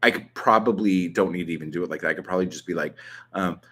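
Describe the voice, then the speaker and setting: Talking fast in a low, husky, slightly bright voice, the young SoCal-accented channel host answers questions from viewers. He rambles casually, leaning on ums and likes and occasionally swearing.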